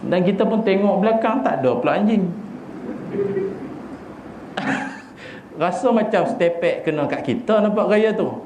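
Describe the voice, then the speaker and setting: A man with a Malaysian accent giving a humorous sermon, animated and joking as he acts out little scenes. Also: sits high, measured pace, long pauses, a little hiss or hum. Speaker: preacher. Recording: echoey hall with faint ambience.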